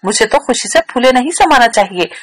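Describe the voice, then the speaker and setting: A woman's voice: fairly high pitch, lively intonation, fairly quick, low-quality recording. A woman reading a hurt, reproachful young woman. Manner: reproachful, bitter.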